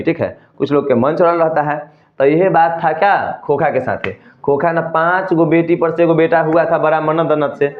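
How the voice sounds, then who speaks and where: A man with a Bihari Hindi accent explaining a story to students in a loose, colloquial way, asking questions and answering them himself. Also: fairly high pitch. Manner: colloquial, asks and answers his own questions. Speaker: teacher. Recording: echoey room, tinny phone-like sound.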